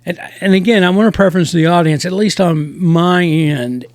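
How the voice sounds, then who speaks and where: A man hosting a casual review podcast, talking in halting starts with many restarts. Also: sits high, darkish tone, no room sound.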